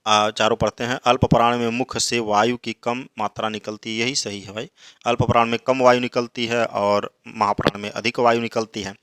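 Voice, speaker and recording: A man's voice: medium pitch, flat delivery, smooth, dry recording, studio quality. Man working through exam questions. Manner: explanatory, reads each question louder then answers it more quietly; slow drawn-out recitation of verses. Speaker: teacher. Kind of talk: exam answer walkthrough.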